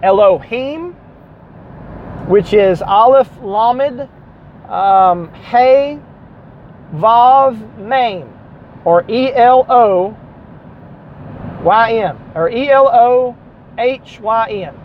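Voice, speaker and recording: Southern man teaching a Bible class, talks in a fairly high register, explains patiently, dull recording. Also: drawn-out words, long pauses, a little hiss or hum. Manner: explanatory, spells out letters, self-correcting asides. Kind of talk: classroom lecture.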